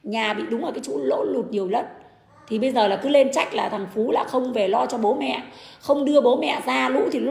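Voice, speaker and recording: An indignant woman rants on a livestream, talking fast in a fairly high, gravelly voice. She answers her critics bluntly and argumentatively, and her voice rings in an echoey room. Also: darkish tone. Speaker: livestreamer defending her husband. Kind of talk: livestream rant.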